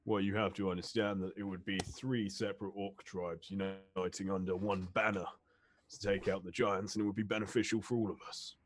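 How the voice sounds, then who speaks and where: A man with a lowish voice plays his character at a tabletop game in a casual, blunt way. He speaks bluntly and bluffly, mixing boasts with plain talk. His delivery is brash and easygoing. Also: level tone, a little fast, slight background noise.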